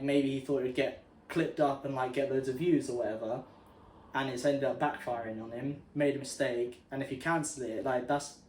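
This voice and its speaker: A man's voice: medium pitch, a little mellow. A young man co-hosting a podcast in casual chat, thoughtful and hedging his points with "like" and "you know". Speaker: podcast co-host. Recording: roomy with faint noise.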